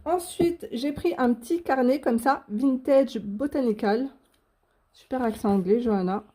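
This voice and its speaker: A woman's voice: fairly high pitch, expressive, moderate pace, dark tone, slight background noise. A young woman hosting a casual unboxing video, chatty and gushing with frequent fillers. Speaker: coloring channel host.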